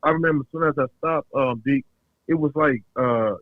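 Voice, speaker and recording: Caller: a man on a thin phone line, halting and rambling, dry close sound. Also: fairly high pitch, no echo. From North Carolina. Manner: halting, rambling, many pauses. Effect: heard over a phone line. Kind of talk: casual call-in chat.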